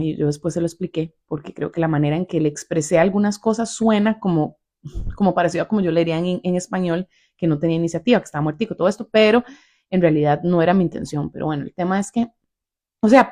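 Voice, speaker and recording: A woman's voice: fairly low pitch, fast. A woman with a Costa Rican accent, a biblical counselor and podcast host, chatting casually and acting out the quoted lines with a raised voice. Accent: Costa Rican Spanish. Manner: animated, acts out quoted lines in a raised voice, laughs often. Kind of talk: casual storytelling to listeners.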